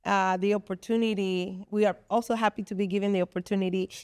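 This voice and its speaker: A woman from the Dominican Republic, co-founder of a business space, is a guest on a podcast interview, explaining her business at length with earnest fillers. Her medium-pitched voice is steady, smooth, and darkish, and she talks quickly. The recording is dry.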